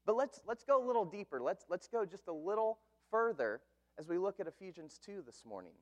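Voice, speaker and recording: A man in his thirties, a pastor, preaching an earnest sermon with slow, emphatic phrases. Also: high-pitched, big pitch swings.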